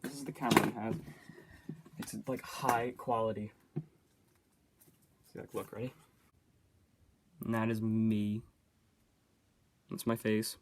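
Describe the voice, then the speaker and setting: A young man chatting to himself as a YouTuber, easily excited and joking while he builds and plays. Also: on the low side, slow, long pauses, slight background noise. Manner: chatty self-talk, easily excited, jokey. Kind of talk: casual build-and-play commentary.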